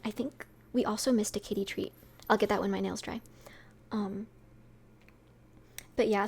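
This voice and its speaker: A young woman with a sweet, mid-range voice that is creaky and darkish chats casually with her stream viewers. She rambles, using lots of fillers and laughing lightly.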